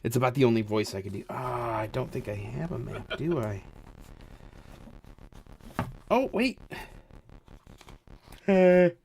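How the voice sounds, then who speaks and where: A man's voice: medium pitch, measured pace, gravelly, pauses often, a little hiss or hum. A man hosting a retro computer stream, chatting casually and reacting while he plays a game. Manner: lively, chatty, exclaims while playing. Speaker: stream host.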